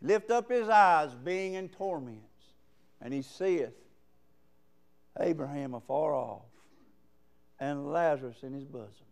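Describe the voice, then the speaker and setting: A man preaching a sermon in a church, punctuating his points with calls of "amen" and rising to loud emphasis. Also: a little high, animated, slow pace, vocal fry, pauses often. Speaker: guest preacher. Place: church sanctuary.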